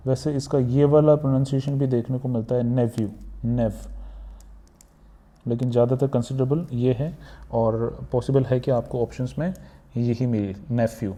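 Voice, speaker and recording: A man's voice: medium pitch, fairly even intonation, normal speed, warm tone. A man with an Indian accent teaching English pronunciation for exams, mixing Hindi and English and repeating each word several times. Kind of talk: exam-prep pronunciation lesson.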